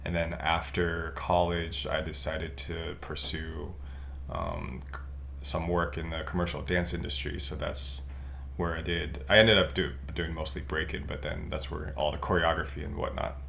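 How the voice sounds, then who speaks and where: A young man from Taiwan, a guest on a podcast, talking in an earnest, reflective way with many pauses and restarts. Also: low voice, creaky, a bit bright, slight background noise. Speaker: podcast guest, physical therapist. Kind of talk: casual podcast chat.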